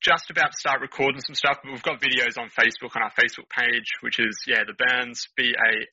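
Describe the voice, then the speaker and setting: As a guest on a podcast, a counsellor and motivational speaker with an Australian accent casually swaps stories. He speaks briskly with fairly even intonation, his medium-pitched voice bright and forceful with a breathy edge, in a muffled recording free of room sound.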